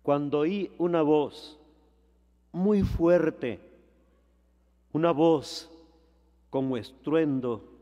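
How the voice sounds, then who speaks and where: A high-voiced man delivers a sermon at a slow, deliberate pace. He stretches out his phrases, fires off rhetorical questions and keeps calling on his brothers in the faith. His voice rings with the long reverb of a big hall. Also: lo-fi sound. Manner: preaching with repeated calls of "hermano" and rhetorical questions; slow, drawn-out phrasing that swells louder at climaxes. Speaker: preacher.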